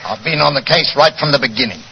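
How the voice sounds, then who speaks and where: A man's voice: a little high, quick pace, vocal fry, bright, forceful tone. An actor playing an earnest English police inspector at the end of his rope in a 1940s radio drama. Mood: urgent pleading. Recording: dull, noisy 1940s radio recording.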